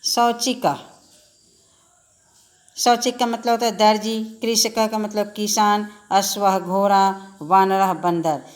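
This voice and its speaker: A woman teacher with a mid-range voice and fairly even intonation speaks slowly while giving a lesson to children. She recites word forms in a sing-song drill and addresses the kids directly, patient and instructive.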